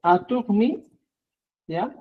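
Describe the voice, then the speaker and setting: A man's voice: sits high, lively intonation, drawn-out words, narrow, tinny audio. A man teaching an online language class, patiently explaining and often checking in with the students.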